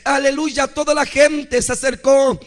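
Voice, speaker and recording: A man giving an impassioned religious testimony, often rising into shouts and interjecting praises as he speaks. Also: extremely high pitch, flat delivery, a little slow. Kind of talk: fervent spoken testimony.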